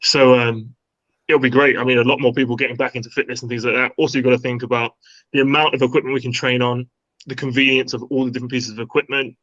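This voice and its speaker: A man's voice: mid-range voice, little pitch movement, fast, a bit bright. Man who sounds down a well. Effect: muffled and hollow, as if from the bottom of a well. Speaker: fitness trainer, guest on live stream. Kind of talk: casual chat on a video call. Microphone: video call. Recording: dull lo-fi call audio.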